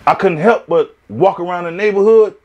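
A man's voice: high-pitched, normal speed, highs cut off. A man from Miami hosting a casual interview, friendly and slangy as he prompts his guest with questions. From Miami, Florida. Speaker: interviewer, host.

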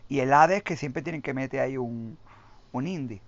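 A man's voice: mid-range voice, normal speed, muffled recording. A young man with a Spain Spanish accent, ranting as a gaming commentator in a profane, mocking and emphatic way. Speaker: gaming youtuber.

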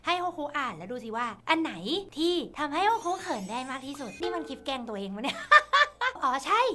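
A woman's voice: high voice, very animated, fast talker, pushed and bright, soft background music. A woman streamer chatting casually and reading fan lines aloud, giggly and playful, laughing often. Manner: playful, teasing. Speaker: virtual streamer.

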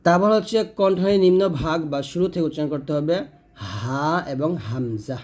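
A man teaching Quran pronunciation, sounding out each Arabic letter slowly and then explaining how the tongue and throat should move. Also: on the high side, expressive, darkish tone. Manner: self-corrects mid-lesson.

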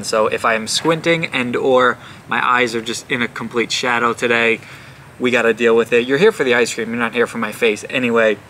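A young man talks through a food review outdoors in a chatty, self-deprecating way, tripping over unfamiliar names. His voice is bright and a little tense, sitting at a middle pitch for a man. Faint outdoor noise sits behind him. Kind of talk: casual vlog review.

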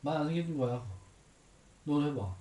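A man's voice: a little high, animated, a little fast, dark tone. A tipsy man in his forties chatting casually at home, needling his wife in teasing banter. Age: 40s. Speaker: vlogger. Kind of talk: casual chat. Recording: echoey room, far from the mic.

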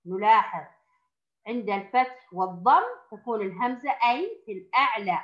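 A woman teaching first graders, who speaks slowly and patiently, stretches out the sounds she teaches and praises the class often. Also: on the high side, lo-fi sound. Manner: slow, patient, drawn-out sounds with frequent praise. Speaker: primary school teacher. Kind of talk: recorded classroom lesson for young children.

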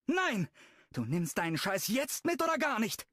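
Male narrator voicing a furious jilted woman, audiobook: shrill, cutting, pitched far up, loud. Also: sing-song, moderate pace, dry recording, studio quality. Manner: shrill, cutting, much higher voice. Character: furious jilted young woman, sharp-tongued.

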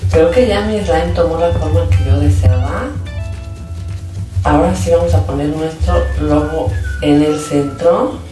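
This slime channel host speaks a little slowly, her mid-range voice bouncy and sing-song as she casually talks through a craft at a tabletop, with only her hands in the shot. The room echoes heavily, the mic sits far away, and music plays noticeably behind her.

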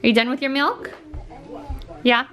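A woman's voice: high voice, fairly even intonation, normal speed, fairly bright tone. A woman filming a casual home vlog, talking chattily to the camera and coaxing her toddler in a sing-song way. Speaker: mom vlogger.

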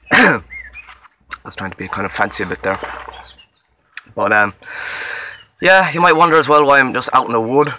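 A man's voice: medium pitch, animated, brisk, pauses often, bright, forceful tone. Young Limerick man rambling at audition. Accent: Limerick Irish. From Limerick, Ireland. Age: young adult. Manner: rambling, self-deprecating, with many fillers and restarts. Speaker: acting auditionee. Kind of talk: casual self-introduction to camera. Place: outdoors in a wood.

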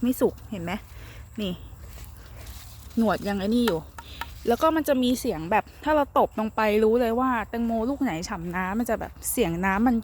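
A woman's voice: on the high side, expressive, normal speed, a little mellow, a little hiss or hum. A woman chatting casually while showing how to check watermelons in a field, talking politely and tapping the fruit. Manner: chatty, polite particles, taps and listens to fruit. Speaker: organic farm seller. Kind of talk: casual demonstration.

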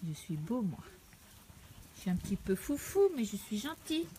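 Woman speaking as a playful pet dog, cutesy and self-praising, lively pitch, noisy home with dogs. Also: moderate pace, lightly acted.

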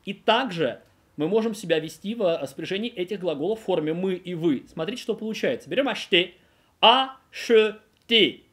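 A male language teacher rattles through a grammar lesson at a rapid clip, with a voice sitting a little higher than most men's. He talks in an animated, digressive way, with plenty of hesitation sounds and restarts. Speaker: French teacher.

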